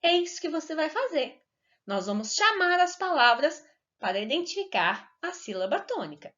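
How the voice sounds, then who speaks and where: Woman teacher for kids' video lessons: bright sing-song delivery, deliberate syllable stretching, muffled low-fi sound. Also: big pitch swings. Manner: slow, clear and sing-song, stretching words to stress syllables. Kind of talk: recorded lesson for children. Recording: dull lo-fi recording.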